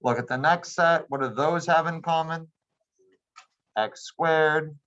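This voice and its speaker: A man teaches a math class at a slow pace, his voice a little high and a bit bright. He stays patient and plain, moving step by step and often checking that students are following. The sound is somewhat dull and lo-fi.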